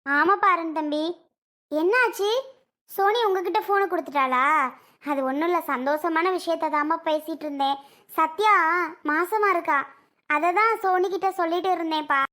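Someone doing a fussy worried mom, talk, super high and bright, rambles on and on. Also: normal speed, long pauses. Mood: apologetic. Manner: talkative, fretful, scolding. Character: chatty worried middle-aged mother. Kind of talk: family skit acting.

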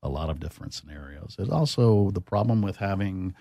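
A man's voice: low voice, expressive, a little fast, gravelly, mellow, dry recording. A man, a doctor as guest expert, explaining in a teacherly way and quizzing the host with questions. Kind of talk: explanatory interview.

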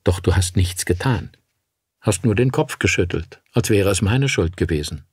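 Male reader playing a cold, accusing ghost of a little match girl, husky voice, dry sound. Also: sits low, lively intonation, normal speed, a little mellow, no echo, full character voice.

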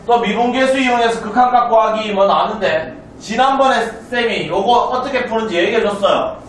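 In a roomy classroom recorded with a far-off mic and a little hiss or hum, a male math teacher from South Korea gives a brisk, chatty lecture. His voice sits high, and he constantly asks students questions to check that they're following.

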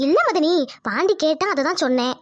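A woman voicing a shrill scheming village aunt. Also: expressive, a little fast, no room sound, dull audio, faint music behind. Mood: grievance. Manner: needling and indignant. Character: scheming middle-aged village aunt, sharp-tongued. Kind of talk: cartoon dubbing.

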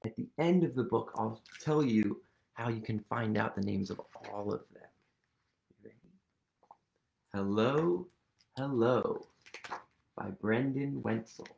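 Reading a picture book aloud for little kids from his home sofa on webcam, this man in his thirties has a lowish, darkish voice with vocal fry. He's unhurried, leaves long pauses, and shifts between sing-song play and whispers, with slight background noise.

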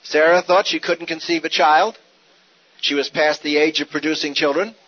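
On a dull older recording, a man with a high-leaning voice teaches Scripture at a moderate pace. The Bible teacher's sermon is animated, driven by rhetorical questions and repeated key points.

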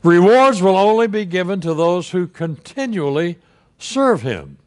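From the pulpit of a church sanctuary, an elderly male pastor preaches a sermon in a slightly high voice with big pitch swings. He speaks very slowly and deliberately, using pauses for emphasis, and is captured by the pulpit microphone.

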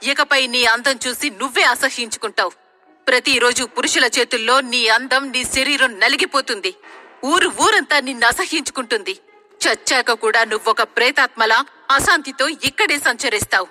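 A woman's voice: high-pitched, normal speed, bright, forceful tone, big-room sound, soft background music. A woman voicing an enraged wandering holy man who hurls a curse, speaking in a thundering, indignant way. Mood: wrathful.

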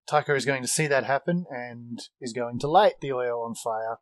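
A man takes his turn in a tabletop game. He speaks at a medium pitch in a measured, matter-of-fact way. The sound is dry, with no room echo. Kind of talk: describing game actions.

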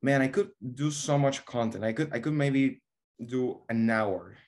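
This young man from Venezuela speaks at medium pitch, a little slowly, with a darkish tone. As the guest, an online fitness coach, on a casual video-call interview, he is earnest, restarts hesitantly, and fills his speech with fillers. He's recording from a small room at home over a webcam or laptop mic.

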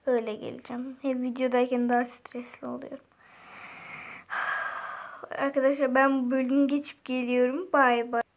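A young woman giving casual gameplay commentary, often frustrated and muttering to herself to stay calm. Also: high voice, moderate pace, pauses often. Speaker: gameplay video creator.

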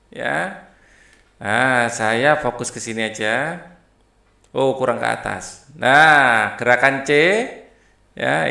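A man's voice: medium pitch, gravelly, sharp tone. A man teaching a primary school lesson, reading the textbook aloud with chatty asides. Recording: echoey room.

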